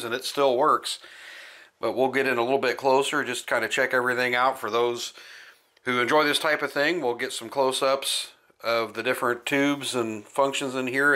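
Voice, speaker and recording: A middle-aged man who hosts a vintage electronics hobby channel gives an informal show-and-tell. His medium-pitched voice has a sharp tone, and his manner is casual and explanatory.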